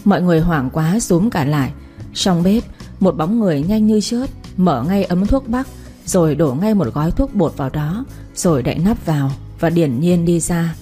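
A woman narrating a story with a steady, expressive reading. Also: on the low side, normal speed, faint music behind.

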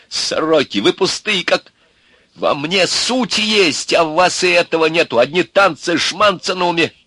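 A man voicing Ivan, a brash, hot-tempered young man with a loud, blustering, folksy way of talking. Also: a little high, husky, no echo, voice pushed up, full character voice.

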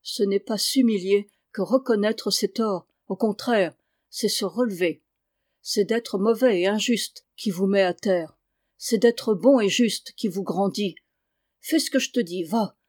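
Firm kindly farm mother, coaxing, storybook reading, read by a woman, mid-pitched voice. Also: unhurried, a little mellow, natural voice.

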